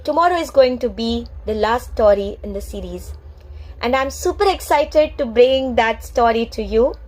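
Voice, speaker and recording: A woman's voice: a little high, animated, moderate pace, a little mellow, rough recording. A young woman with an Indian accent tells a space story in a vlog, earnest and heartfelt. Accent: Indian English.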